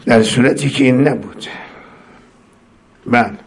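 Male cleric for a sermon: impassioned, swinging from emphatic peaks to near-whispers, intones prayer lines. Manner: impassioned, swings between loud emphatic rises and low soft passages; chants Arabic supplications then translates them. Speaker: cleric preacher.

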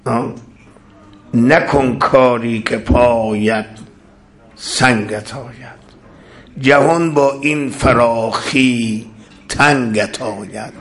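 A man preaching a sermon, reciting verse slowly and rising to loud, impassioned exclamations. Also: mid-range voice, steady tone.

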